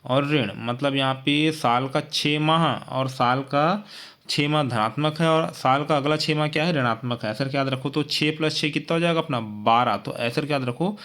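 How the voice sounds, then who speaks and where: A man's voice: a little high, moderate pace, fairly bright tone. A man teaching an exam-prep lesson, repeating points and checking in with frequent tag questions.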